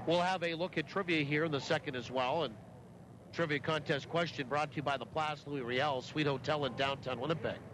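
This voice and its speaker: Male sports broadcaster for live baseball radio, slightly high voice, measured commentary, audible open-air ambient noise. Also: steady tone, a bit bright, low-quality recording. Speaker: baseball radio play-by-play announcer. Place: outdoor ballpark broadcast booth. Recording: clear outdoor ambient noise.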